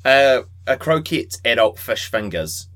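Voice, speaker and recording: A man's voice: mid-range voice, big pitch swings, a little slow, a bit bright. A man co-hosting a podcast, chatting casually with wry teasing. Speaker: podcast co-host. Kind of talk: casual banter.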